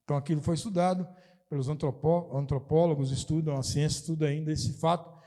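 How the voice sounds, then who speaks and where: High-voiced Brazilian pastor preaching. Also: male voice, fairly even intonation, quick pace, dark tone. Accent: Brazilian Portuguese. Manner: emphatic, explanatory, repeats key phrases. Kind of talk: sermon.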